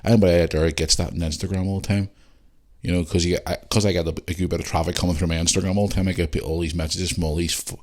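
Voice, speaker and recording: Racing through his words, a Northern Irish podcast host chats informally while answering listener questions and reading their messages aloud. His voice is low with fairly even intonation.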